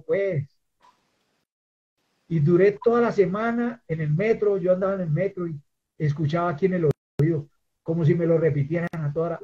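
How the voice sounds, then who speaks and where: A man's voice: sits high, mellow, highs cut off. A Colombian man giving an earnest personal faith testimony, preaching and acting out the voices he quotes. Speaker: testimony giver.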